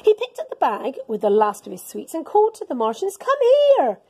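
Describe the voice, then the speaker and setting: With a slightly high voice and a quick pace, a middle-aged woman reads a children's picture book aloud in a school classroom, indoors, amid slight background noise. She tells it as a teacher would: expressively, dramatically and animatedly, with gasps and whispers.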